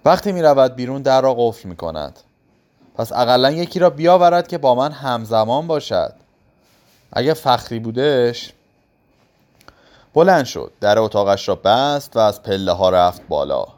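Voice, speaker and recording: Guy narrating an audiobook, quiet and slow, middle pitch. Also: big pitch swings. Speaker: audiobook reader.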